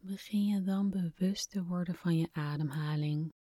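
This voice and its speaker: A woman guiding a relaxation exercise in a soft, breathy, soothing near-whisper, like a spa meditation. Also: lowish voice, fairly even intonation, moderate pace, dry recording, clean studio sound. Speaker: podcast host, relaxation guide.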